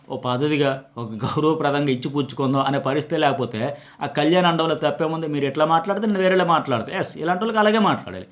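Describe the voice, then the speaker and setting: A man's voice: fairly high pitch, a bit bright. A middle-aged man, a journalist giving emphatic commentary on a reality show and acting out quotes from it. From Telugu-speaking India.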